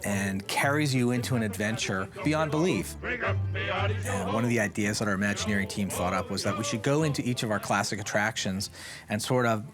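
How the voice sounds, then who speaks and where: Male attraction designer, interview delivery, lowish pitch, over a clear music bed. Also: lively intonation, moderate pace. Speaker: theme park attraction designer. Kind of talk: documentary interview.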